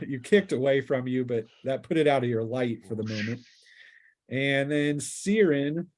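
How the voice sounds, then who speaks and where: A man with a medium-pitched, slightly mellow voice acts as game master for a tabletop fantasy game, narrating in a conversational, descriptive style. He often pauses mid-sentence while improvising.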